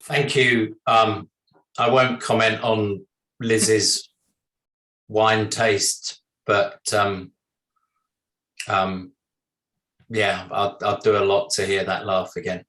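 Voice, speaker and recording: British man with a British accent, unhurried and halting, lowish voice, echoey video-call room. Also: level tone, a bit bright. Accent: British English. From Britain. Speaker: bereaved husband thanking guests. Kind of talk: remembrance gathering remarks.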